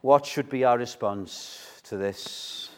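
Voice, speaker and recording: Slow preacher at a pulpit microphone. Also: male voice. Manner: earnest, swelling to loud emphasis then dropping low. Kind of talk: evening sermon.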